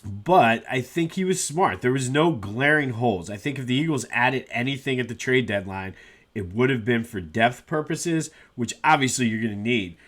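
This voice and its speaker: A man's voice: mid-range voice, lively intonation, normal speed, a bit bright. A man hosting a solo sports podcast, a bit congested and nasal from a cold, talking casually with lots of "uh" fillers. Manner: conversational, with frequent "uh" fillers.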